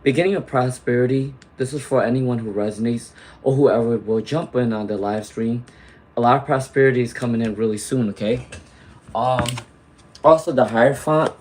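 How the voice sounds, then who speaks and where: Man softly murmuring a tarot reading. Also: medium pitch, moderate pace. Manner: soft murmured repeated invocations to spirit guides; talks directly to viewers in the chat. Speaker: tarot reader hosting a live stream. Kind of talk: live collective tarot reading.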